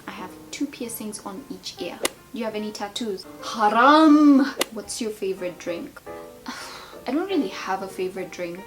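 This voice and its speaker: A woman in her twenties chatting casually in a tag video, rambling and playful as she answers questions. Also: medium pitch. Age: 20s. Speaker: beauty and lifestyle vlogger.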